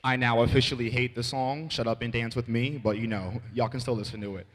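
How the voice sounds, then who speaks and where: A man's voice: mid-range voice, steady tone, a little fast, fairly bright tone. A man emceeing a comedy show, introducing acts and making announcements in a loose, chatty way. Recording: reverberant hall with faint noise.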